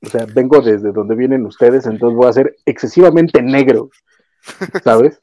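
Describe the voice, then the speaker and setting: Mellow-voiced Mexican man, rambling chat. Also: medium pitch, measured pace. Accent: Mexican Spanish. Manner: rambling, many restarts and slang. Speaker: podcast co-host. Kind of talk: casual chat.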